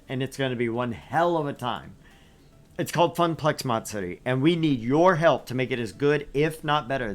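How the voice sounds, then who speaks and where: For his let's play, a man reads a visual novel aloud at an everyday middle pitch, his voice swinging widely and animatedly through each line. His lively reading is sprinkled with joking asides.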